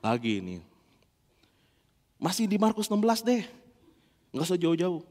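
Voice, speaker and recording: Pastor, high and very animated, playful sermon delivery, long church hall reverb. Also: male voice, moderate pace. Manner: animated, playful, acts out dialogue. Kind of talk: lively sermon with humorous anecdotes.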